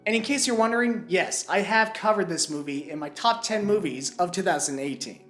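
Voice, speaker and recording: A woman delivers a scripted film review with a lively, swooping voice, still rough from a cold. She slips in playful jokey asides. The room sounds echoey, with faint music underneath. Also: on the low side, fairly quick. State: recovering from a cold.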